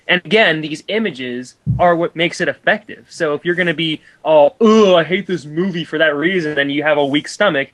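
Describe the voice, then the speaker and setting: A man co-hosting a review reads pieces aloud dramatically and mocks them with sarcastic, argumentative commentary. His voice is fairly high and fairly bright, and the recording is rough.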